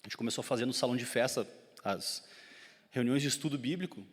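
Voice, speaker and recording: A pastor's mid-range voice moves quickly, with a breathy edge, as he preaches a sermon that swells in intensity and poses questions to the congregation. He speaks Gaúcho Brazilian Portuguese, from Rio Grande do Sul in southern Brazil. The hall's reverb is long.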